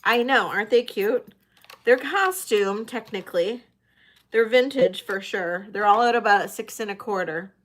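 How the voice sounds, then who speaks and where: Slow-paced woman auctioneer, casual and chatty. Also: mid-range voice. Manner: chatty, addresses bidders by name. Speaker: live auction seller. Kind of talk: casual live-sale auctioneer patter.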